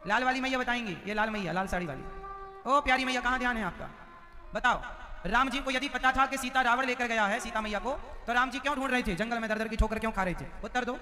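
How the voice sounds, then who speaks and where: A man's voice: extremely high pitch, quick pace, sharp tone, in a large hall, faint music behind. A man preaching a devotional sermon, teasing and questioning his audience and chanting verses.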